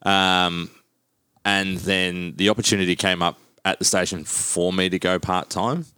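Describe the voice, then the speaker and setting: A man's voice: sits low, fairly even intonation, measured pace, pushed and bright, smooth, no room sound. A man in his thirties hosting a casual podcast, chatty and rambling with many ums. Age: 30s. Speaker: podcast host.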